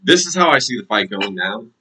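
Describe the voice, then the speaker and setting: A man's voice: mid-range voice, very animated, brisk, sharp tone, breathy edge, rough recording. An American man giving a casual fight recap and prediction vlog, blunt and slangy, swearing often. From United States. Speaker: MMA commentator and predictor.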